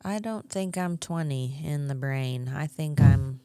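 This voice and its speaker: Easygoing woman podcast co-host, late thirties, low voice, dry close sound. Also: unhurried, warm tone, clear, resonant tone, no room sound. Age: 30s. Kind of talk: casual chat.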